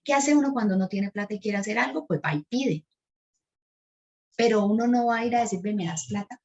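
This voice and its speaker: A Colombian woman teaching a teacher-training workshop, retelling a classroom example in a lively way and acting out the voices of the children and the teacher. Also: fairly high pitch, fairly quick, lo-fi sound. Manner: animated, acts out the children and teacher in quotes.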